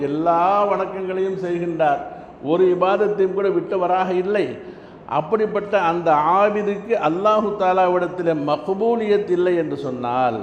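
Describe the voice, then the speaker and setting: A man preaching a Friday sermon in a large mosque hall, in a measured voice with rhythmic lists of phrases. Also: a little high, darkish tone. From Tamil Nadu, India. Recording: echoey mosque hall, muffled lo-fi with faint hum.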